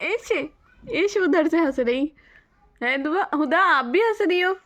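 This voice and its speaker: High sing-song young mother baby-talking. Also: lively intonation, measured pace, a bit bright. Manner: sing-song, coaxing, repeats pet names. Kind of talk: baby talk to infants.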